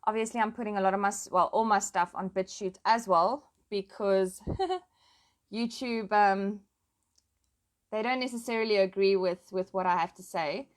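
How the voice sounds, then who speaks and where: A woman's voice: medium pitch, steady tone, moderate pace. A South African woman chatting casually to her online followers in an informal, plain-spoken and emphatic way. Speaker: online commentator and host. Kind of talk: casual chat to followers, switching between languages.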